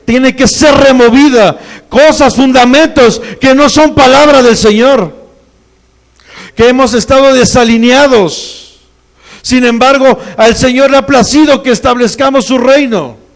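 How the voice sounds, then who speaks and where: A man with a Mexican Spanish accent preaches a sermon in a strikingly high voice. He speaks slowly and deliberately, asking the congregation rhetorical questions. He repeats his exhortations with rising emphasis. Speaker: pastor.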